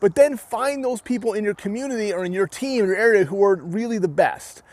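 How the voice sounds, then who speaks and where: Talking to the camera in a casual rant, a young adult armored combat fighter from New England speaks briskly with a high, darkish voice and a New Hampshire accent. He's rambling and earnest, restarting often and tacking on "right?" There's no room sound.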